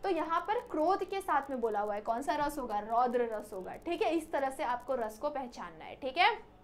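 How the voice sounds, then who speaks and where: Young woman, high voice, teaching exam grammar, asks and answers her own questions, says okay a lot. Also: sing-song, normal speed, a little hiss or hum. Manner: repeats "ठीक है" often, mixes English words in. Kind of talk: exam-prep grammar lesson.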